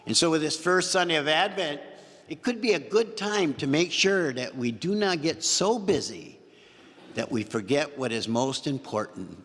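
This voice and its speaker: A man's voice: fairly high pitch, animated, moderate pace, fairly bright tone. A man preaching a homily as pastor, telling a story and repeating phrases for emphasis. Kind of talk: sermon. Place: church. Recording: long church reverb.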